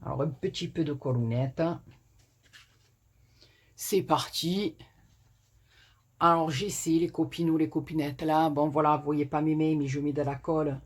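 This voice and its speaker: Woman crafting host, unhurried, a little husky, rambling and self-joking, camera on a tripod at a small desk. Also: deep voice, steady tone. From southern France. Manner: rambling, self-mocking, many fillers. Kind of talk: chatty card-making tutorial. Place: small home desk workspace.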